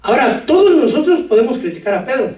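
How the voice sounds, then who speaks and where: A man preaching a lively sermon to his congregation with jokes, sudden shouts and talk of brothers. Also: very high voice, fast. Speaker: pastor. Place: church hall. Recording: echoey church hall from far off.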